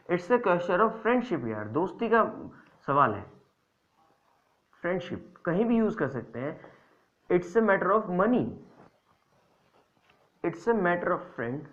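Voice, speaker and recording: A man's voice: high voice, dull audio. A man teaching a classroom lesson, patiently explaining and repeating examples. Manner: explains patiently, repeating examples, mixing English phrases into Hindi. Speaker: English teacher.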